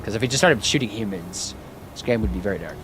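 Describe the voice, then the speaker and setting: A young man chatting casually through a game stream, rambling to his viewers and breaking into panicked yelling when startled. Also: lowish voice, lively intonation, fast. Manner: rambling, chatty, talks to chat while playing; bursts into loud panicked yelling when scared. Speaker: gaming streamer. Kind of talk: casual let's-play commentary. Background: game music playing clearly.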